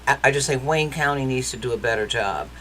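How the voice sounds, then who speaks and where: A woman's voice: rumbling low, quick pace, a bit bright, a little hiss or hum, low-quality recording. A woman from Detroit hosting a casual interview, chatty and probing, pushing back on her guest. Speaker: talk show host.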